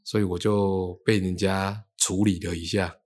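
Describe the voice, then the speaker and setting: A man's voice: sits low, a little slow. A man, a feng shui teacher telling stories in casual chat and acting out the quoted dialogue. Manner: animated, acts out quoted dialogue.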